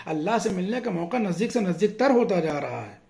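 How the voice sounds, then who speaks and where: A man's voice: high-pitched, lively intonation, creaky, dark tone. A male preacher giving a sermon, telling a martyrdom story in a mournful, chanting way that swells and falls.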